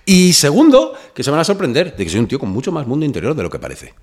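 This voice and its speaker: Man, podcast guest, animated storyteller, wildly swinging pitch. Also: fast. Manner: loud, animated storyteller with swearing and laughs. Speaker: rapper guest. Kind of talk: casual podcast interview.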